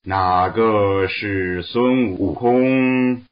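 A man voicing a stern male heavenly emperor who speaks slowly and deeply in a read-aloud story. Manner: slow, deep and measured. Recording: dull lo-fi recording.

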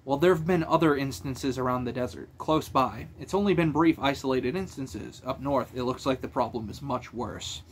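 A man's voice: medium pitch, normal speed, hardly any pauses, a little hiss or hum, close to an everyday voice. A man voicing a blunt woman adventurer in an audiobook reading, with a dry, matter-of-fact delivery. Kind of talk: audiobook character voice.

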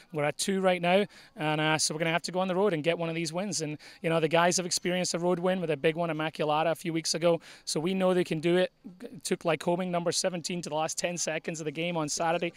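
A man's voice: fairly high pitch, fairly even intonation, fast talker, smooth, no echo. A man in his forties, a head soccer coach, giving an earnest postgame interview on a floodlit field at night, often repeating words as he starts sentences. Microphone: handheld interviewer mic.

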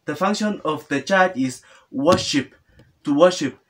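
A man's voice: fairly high pitch, a little slow, fairly bright tone. A young man giving an earnest sermon to camera in a small room, asking questions and answering them himself, often repeating and restarting phrases. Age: young adult. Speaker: preacher. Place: small indoor room with sofa.

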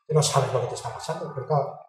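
Frank, swearing woman in her fifties. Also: low-pitched. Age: 50s. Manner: frank and swearing, animated when telling stories, with laughs. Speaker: interviewee. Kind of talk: casual interview chat. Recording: roomy, distant mic with music behind.

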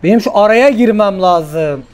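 Excitable, high-voiced male gaming host. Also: moderate pace. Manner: excitable, swearing, yelling at the game. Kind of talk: casual let's-play commentary.

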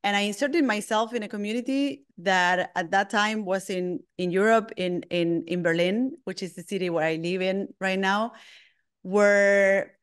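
A middle-aged woman with an Argentine Spanish accent speaks in English, her second language. Her voice is smooth and clear. She answers reflectively, pausing on ums and restarting phrases as she thinks. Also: mid-range voice. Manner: thoughtful, frequent restarts and ums. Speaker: guest, lettering artist.

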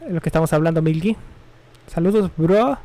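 A man's voice: a little high, normal speed, dark tone. Rambling man streaming a game. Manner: rambling, offhand, slangy and self-correcting. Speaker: gaming streamer. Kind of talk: casual live-stream chat while gaming.

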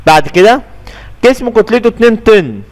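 A young man with an Egyptian accent runs a physics exam review at a quick clip. His voice sits a little high, and he poses questions and then answers them himself step by step. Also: animated. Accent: Egyptian Arabic. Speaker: physics teacher.

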